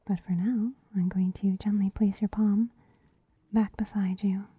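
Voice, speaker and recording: A woman voicing a gentle, soothing female bunny spa attendant in an ASMR roleplay, whispering softly into a close microphone with a teasing, giggly manner. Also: medium pitch, level tone, unhurried, breathy edge, no echo, lo-fi sound. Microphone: close mic.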